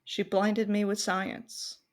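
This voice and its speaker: A woman guest on a podcast, quick and upbeat in casual chat. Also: medium pitch, monotone.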